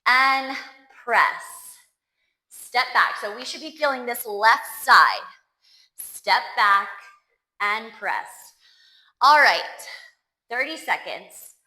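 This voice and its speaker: A woman's voice: fairly high pitch, lively intonation, drawn-out words, pauses often, pushed and bright, reverberant, poor audio. A woman leading a pilates workout, counting down reps with upbeat cheers and sometimes winded. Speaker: pilates instructor. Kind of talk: workout class cueing.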